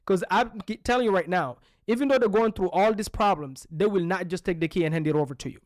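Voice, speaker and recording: With a high voice and fast delivery, this Belgian podcast co-host coaches listeners on real estate, hammering points home with rhetorical questions in a punchy, emphatic way. The sound is dry and clean, clearly from a studio.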